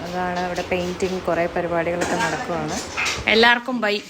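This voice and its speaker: A young woman with a Kerala Malayalam accent, narrating a casual family vlog at home in a soft, low voice. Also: fairly even intonation, normal speed, very noisy. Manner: soft and low when narrating, louder and coaxing with her grandmother. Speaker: vlogger.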